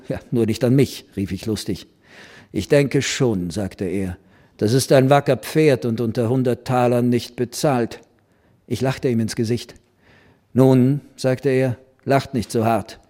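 A man reading a classic story aloud, acting out the dialogue with expression. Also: mid-range voice. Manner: expressive, voices the characters. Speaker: reader. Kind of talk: literary reading with acted dialogue.

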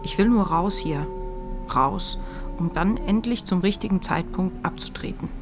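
A female actress with a fairly low voice performs the inner voice of a depressed writer in a radio play. Her measured literary monologue is weary and unflinching, carrying a mood of weary resolve, with music playing behind her.

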